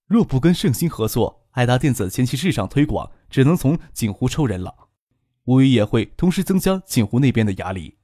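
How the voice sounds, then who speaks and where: A man reading the lines of a calm, shrewd young businessman in an audiobook, in a measured, composed way. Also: mid-range voice, no room sound, studio quality.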